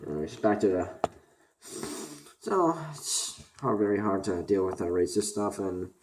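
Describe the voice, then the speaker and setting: A young man from Korea, talking unscripted to camera as a student vlogger, halting and full of fillers and restarts. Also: on the low side, sing-song, slight background noise. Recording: roomy echo.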